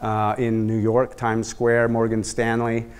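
A man's voice: medium pitch, completely flat delivery, a little slow, clean tone. Middle-aged male lecturer, explanatory, analogies, lectern mic. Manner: explanatory, uses analogies, some fillers. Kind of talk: university lecture. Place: large lecture hall.

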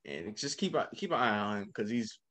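Animated man hosting a sports podcast. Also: fairly low pitch, brisk. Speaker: podcast host. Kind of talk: casual sports chat.

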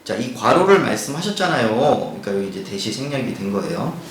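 A male teacher walks through an English grammar lesson at a measured pace. He asks his class rhetorical questions and reads the English examples slowly and carefully. The sound carries a roomy echo over a faint background hum. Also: fairly low pitch, sing-song, a bit bright. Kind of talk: recorded grammar lecture.

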